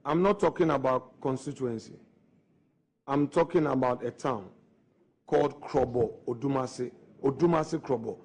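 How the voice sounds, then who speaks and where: A man on a parliamentary committee questioning a ministerial nominee, slow and deliberate, pressing each point with formal questions. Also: mid-range voice, a little mellow.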